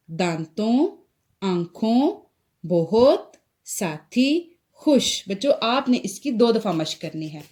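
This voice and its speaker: Slow, mellow woman teacher spelling letters. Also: mid-range voice. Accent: Pakistani Urdu. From Pakistan. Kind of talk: recorded Urdu writing lesson for young children.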